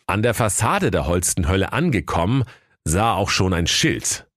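A man with a very deep voice reads a comic fairy tale with playful, theatrical flair. His voice swoops widely across its range. The sound is dry and close. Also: sing-song, moderate pace, fairly bright tone, no echo. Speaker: narrator.

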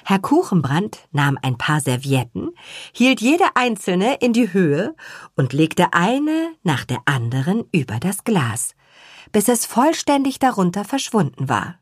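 A woman narrating a children's story with an expressive, measured reading style and a husky voice. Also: lowish voice, dry recording, clean studio sound. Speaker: audiobook narrator.

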